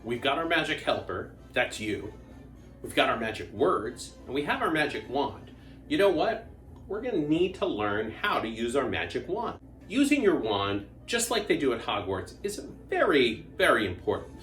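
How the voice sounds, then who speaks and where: A kids' party magician with a very animated, up-and-down delivery, recorded in a roomy, echoey space with faint music. The host is playful and exclamatory, coaxing children to join in with call-and-response. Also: mid-range voice, moderate pace. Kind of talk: interactive kids' party magic show for camera.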